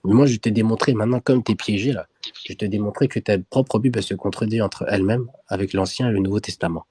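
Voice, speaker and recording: A man with a low, husky voice debates religion in a heated online voice room. He presses his points insistently and repeats his demands again and again. His sound is dry and close, with no room echo. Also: fast, darkish tone. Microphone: own microphone in an online voice room.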